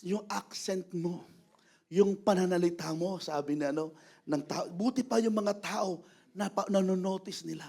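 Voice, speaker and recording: A man preaching to a church congregation in a lively, mixed Filipino-English sermon. His voice sits high for a man. He swings between soft, measured storytelling and sudden shouts, and he acts out the quotes he tells. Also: creaky. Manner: animated, shouting, laughing, acting out quotes.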